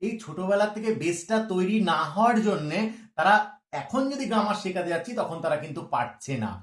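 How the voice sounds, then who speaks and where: Man, grammar teacher, high voice, patient explaining, repeated sound drills, roomy echo. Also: expressive, brisk. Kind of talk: classroom lecture to camera. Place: room with a bedsheet hung behind.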